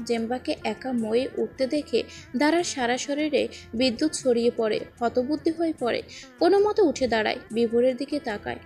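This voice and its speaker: A woman narrating an emotional serialized story in a steady, dramatic reading voice. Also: fairly high pitch. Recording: faint background music.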